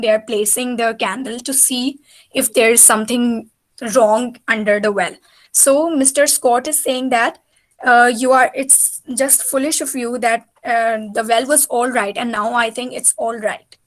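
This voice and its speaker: A woman's voice: on the high side, rough recording. A woman tutoring in an informal reading lesson, explaining a story hesitantly and repetitively in simple words. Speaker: mother tutoring her child in English reading.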